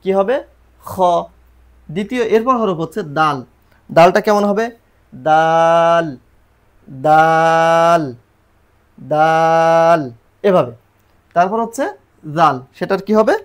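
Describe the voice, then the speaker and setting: A man's voice: high voice, animated, fast. A man teaching Quran reading and the Arabic alphabet in a recorded lesson, patiently repeating letters and drilling pronunciation.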